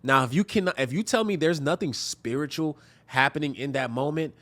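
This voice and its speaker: A man's voice: on the high side, normal speed, fairly bright tone. Man giving earnest reaction commentary. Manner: earnest, preachy, repeats "okay?". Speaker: reaction video host. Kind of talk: commentary on played clips.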